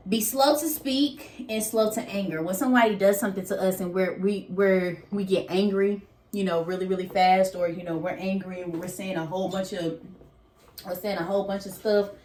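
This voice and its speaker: A woman's voice: mid-range voice, steady tone, moderate pace, darkish tone. A woman talks straight to her viewers in a casual motivational vlog, folksy and preachy, with a mid-range voice. She calls everyone baby and y'all. The room sounds echoey, with a faint hiss underneath. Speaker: motivational vlogger. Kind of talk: casual motivational talk to camera.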